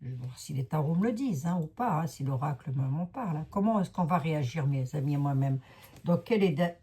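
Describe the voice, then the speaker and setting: Low mellow-voiced psychic woman, Lorraine accent. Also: expressive, a little fast, slightly rough. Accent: Lorraine French. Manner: chatty, self-mocking, talks to viewers and her cards. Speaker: psychic card reader. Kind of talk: casual card-reading livestream.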